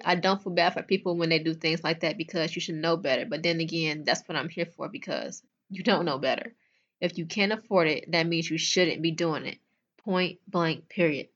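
A woman's voice: fairly low pitch, a bit bright, lo-fi sound. Blunt young woman hosting a podcast. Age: young adult. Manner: blunt and opinionated, chatty and direct to listeners. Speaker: podcast host. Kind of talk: casual solo podcast talk.

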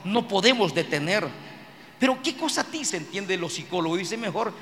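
Emphatic pastor, high gravelly voice. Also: male voice, lively intonation, normal speed, in a large hall. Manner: emphatic, rising to shouts of praise; addresses listeners as brother, repeats phrases. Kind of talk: preached sermon.

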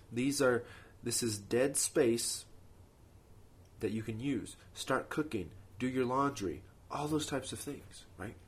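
Husky-voiced man giving casual productivity advice. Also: medium pitch. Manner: practical motivational coaching, checks in with rhetorical tags. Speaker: host of a productivity podcast. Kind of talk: casual advice monologue, speaking off the cuff.

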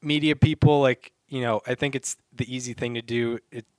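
A man's voice: medium pitch, fairly even intonation, normal speed, a little mellow, no room sound. Hesitant man in casual sports chat. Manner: hesitant, many fillers and restarts. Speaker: podcast co-host.

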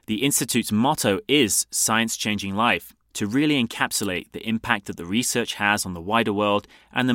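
A man's voice: on the low side, a bit bright, no room sound, clean studio sound. A man hosting a science podcast, reading a polished introduction and asking questions. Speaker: podcast host. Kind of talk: scripted introduction and interview.

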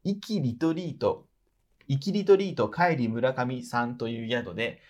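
A man's voice: mid-range voice, measured pace, a little mellow. A man, co-hosting a podcast, reading a listener's letter aloud and teasing his co-host, laughing often.

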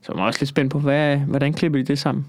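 A Danish-sounding comedian man co-hosting a podcast, talking in a lively, swearing, repetitive way. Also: medium pitch, no room sound. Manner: animated, swears freely, repeats himself. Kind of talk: casual podcast chat.

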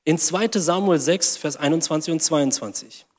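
A man's voice: on the high side, normal speed, in a large hall. A man preaching a sermon, reading scripture aloud and acting out mocking inner voices.

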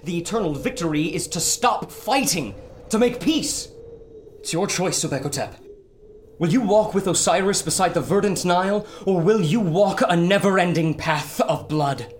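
An earnest scholar hero. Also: male voice, high voice, animated, normal speed, slight background noise. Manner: earnest, reasoning. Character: learned male scholar, thoughtful, calm under pressure. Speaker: scholar doctor. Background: music.

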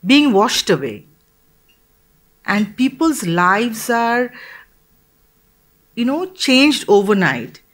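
Her voice sits on the high side. This Bangladeshi woman takes part in a panel discussion, speaking earnestly and with measured care, marked by pauses and false starts.

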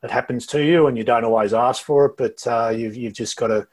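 A middle-aged Australian man speaking as an interview guest over a low-quality video call, talking in a halting way and often repeating words before going on. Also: slightly rough. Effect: low-quality video call audio. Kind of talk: casual interview talk.

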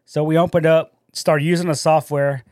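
A man co-hosting a casual podcast, rambling through work stories in an animated way and swearing a lot. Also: on the high side, normal speed, dry recording, clean studio sound. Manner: rambling, profane, animated storytelling. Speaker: podcast co-host and store manager.

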